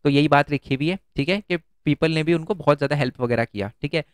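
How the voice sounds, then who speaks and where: A man talks through an exam-prep lesson in a chatty, conversational way. He keeps asking the class questions and answering them himself. His voice sits a little high for a man and comes across smooth and crisp, recorded close and dry with no room sound. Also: fast talker, dry recording. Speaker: teacher.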